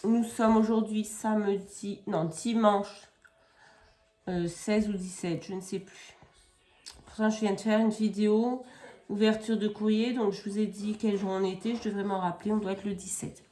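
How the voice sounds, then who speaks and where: A crafting vlogger shows off items at home in a casual haul video, chatting in an unhurried way, rambling, correcting herself, and using lots of fillers. Her voice is medium-pitched and dark, with fairly even intonation.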